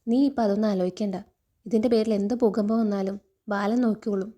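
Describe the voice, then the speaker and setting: A woman voicing an elderly, kindly grandmother who dotes on her granddaughter, speaking affectionately and a little higher. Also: fairly even intonation, fast talker, warm tone, close to an everyday voice. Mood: fond reassuring.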